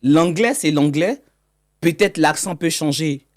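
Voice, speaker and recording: A man's voice: on the high side, unhurried. A man, a guest in an interview, explaining his work as an economic intelligence consultant. He often stumbles and repeats words mid-sentence.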